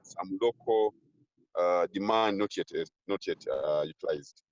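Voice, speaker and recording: A man's voice: sits low, no room sound. A man asking a question on an online call, his words breaking up as the line drops out. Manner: halting, fragmentary speech. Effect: breaking up on a dropping call line. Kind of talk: webinar question and answer. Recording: dull, dry online call audio.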